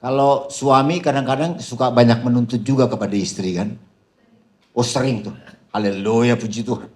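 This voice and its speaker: Animated male preacher at a seminar. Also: medium pitch, moderate pace. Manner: animated preaching, big shouted punchlines and laughter; addresses the crowd as "Saudara", calls out "haleluya". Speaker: pastor. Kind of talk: seminar sermon.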